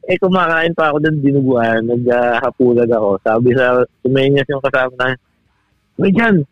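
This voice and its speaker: A man's voice: medium pitch, brisk, no echo. A man on a podcast telling a long personal story in casual chat, laughing often and restarting his sentences. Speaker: podcast co-host. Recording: dull, dry sound with faint music.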